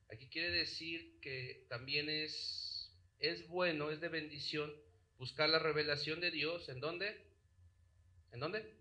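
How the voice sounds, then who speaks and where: Bright-voiced man preaching a sermon. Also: a little high, poor audio. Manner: asks the congregation rhetorical questions.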